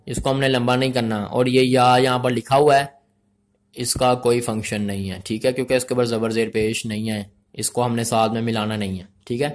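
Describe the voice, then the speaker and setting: Male reading teacher: very slow, level delivery, spells out each syllable before joining them. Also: medium pitch, fairly bright tone. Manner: slow, measured, drawn-out syllables; addresses learners as friends. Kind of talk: spelling-out recitation lesson.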